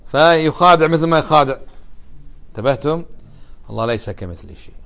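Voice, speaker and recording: Middle-aged guy w/ giving a religious lesson, fairly high voice, keeps firing questions at the room. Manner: animated, keeps asking the audience questions and answering them. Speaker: religious teacher. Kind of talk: lecture explaining a religious text.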